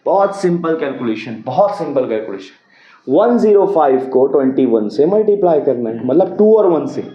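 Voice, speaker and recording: A man's voice: a little high, sing-song, normal speed. A man teaching a maths lesson, patiently working through a problem step by step, often asking a question and answering it himself. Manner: patient, repeats key steps, asks and answers own questions. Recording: roomy, dull lo-fi sound.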